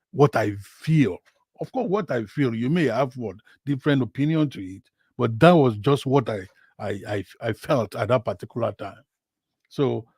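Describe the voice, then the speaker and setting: A man with a gravelly, creaky voice talks slowly through a casual football vlog, reading viewers' comments aloud. He keeps asking rhetorical "what?" questions and answering them himself, repeats his phrases, and gets loud and animated at times. The recording is dry and close. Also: mid-range voice, dry recording. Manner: repeats words and phrases, with many fillers; animated, with big swings in loudness.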